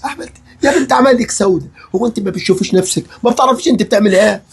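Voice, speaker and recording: A performer gives us a bullying middle-aged father-in-law with an Egyptian accent. His voice is husky and mid-pitched, and he taunts and rants in a comedy sketch. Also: very fast. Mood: ranting. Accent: Egyptian Arabic. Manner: barking threats, mocking repeats, rambling rants.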